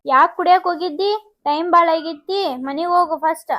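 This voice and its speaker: A woman playing a brisk young woman, high and quick. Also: steady tone, a bit bright. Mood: scolding, worried. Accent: North Karnataka Kannada. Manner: brisk and scolding. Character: young woman brushing off her lovers. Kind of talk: short film acting.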